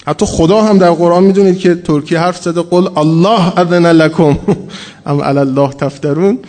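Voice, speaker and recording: Animated high-voiced man preaching. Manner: animated, humorous storytelling, acts out quoted dialogue. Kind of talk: sermon. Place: mosque or religious hall at a pulpit.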